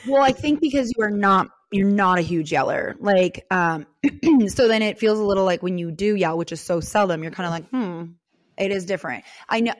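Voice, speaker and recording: With a medium-pitched voice at a normal speed, this middle-aged podcast co-host talks candidly and animatedly, acting out remembered exchanges and quoting imagined dialogue as she goes. The sound is clean studio audio with no room sound.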